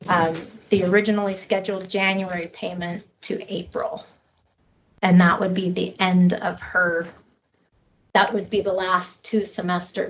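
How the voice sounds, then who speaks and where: A woman reporting to a county board at a public meeting, measured and a little halting. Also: medium pitch, gravelly. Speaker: county staff member reporting to commissioners. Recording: dull meeting room audio with faint noise.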